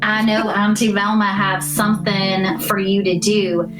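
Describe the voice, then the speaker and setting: A woman's voice: mid-range voice, little pitch movement, unhurried, natural voice, poor audio. A woman voicing a bossy, impatient vampire leader with a folksy Southern US accent in a tabletop game. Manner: folksy, scolding, exasperated. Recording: music playing behind the voice.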